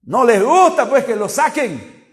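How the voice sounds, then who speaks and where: A man preaching a sermon, reading passages aloud and explaining them point by point. His voice sits high and moves with lively swings of pitch. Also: measured pace. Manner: explanatory, reads scripture aloud and compares versions.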